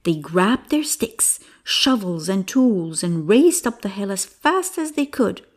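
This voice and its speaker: A woman narrates a children's bedtime fable at an unhurried pace. Her voice rises and falls in a lively way as she tells the story gently and expressively. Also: mid-range voice.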